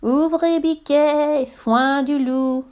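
A woman's voice: high voice, fairly even intonation, very slow, a little mellow, pitched above the performer's own voice. A woman voicing a sly male wolf in a children's tale, raising her voice to a thin sweet tone to fake a mother goat. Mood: sugary.

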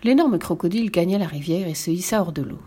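A woman reading a children's storybook aloud as narrator, with expressive delivery. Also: fairly low pitch, fast, slightly rough.

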